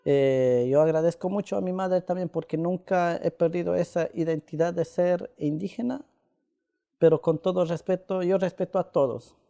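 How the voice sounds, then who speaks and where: Soft-toned man. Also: sits high, gravelly. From Ecuador. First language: Quichua. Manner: halting, with many pauses and "eh" fillers. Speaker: interviewee. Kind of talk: casual conversation.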